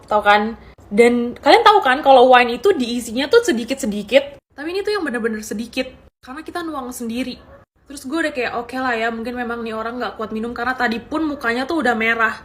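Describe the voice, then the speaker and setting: Picture a young woman telling a story on a casual podcast. Her voice sits a little high. She talks in slang and retells everything with animated, dramatic flair.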